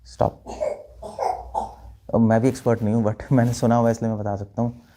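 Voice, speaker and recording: Monk teaching, warm mellow voice. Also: male voice, medium pitch, little pitch movement, a little fast. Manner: questioning listeners, demonstrating chants. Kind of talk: spiritual talk to an audience.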